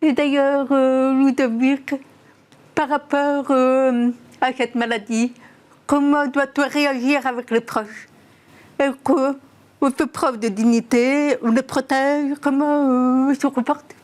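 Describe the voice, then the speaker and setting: A woman's voice: sits high, little pitch movement, takes it slowly, a little mellow. A woman presenting as host and putting prepared questions to her guests. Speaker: interviewer and host. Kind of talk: scripted introduction and interview questions.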